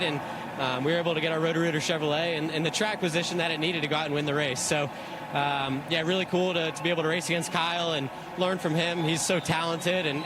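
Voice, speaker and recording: Upbeat young man, noisy trackside interview. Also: a little high. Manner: breathless, upbeat, repeats words. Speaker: race winner interviewed. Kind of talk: post-race interview. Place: outdoors at a racetrack.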